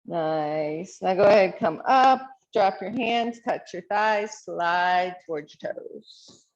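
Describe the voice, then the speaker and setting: A woman leading a yoga class, calmly and encouragingly cueing each pose and stretch. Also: lowish voice, slow pace, highs cut off. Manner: calm, encouraging cueing of poses. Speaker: yoga instructor. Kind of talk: guided yoga class instruction.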